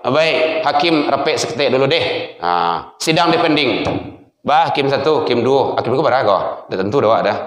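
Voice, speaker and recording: Animated Minangkabau preacher in an echoey hall. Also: male voice, normal speed. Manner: animated storytelling, swings between loud exhortation and low asides. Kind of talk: sermon.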